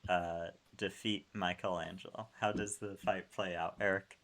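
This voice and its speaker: A man's voice: sits low, fairly even intonation, moderate pace, fairly bright tone. A man playing a casual improvised game in a playful, teasing way, drawing out his words. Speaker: player.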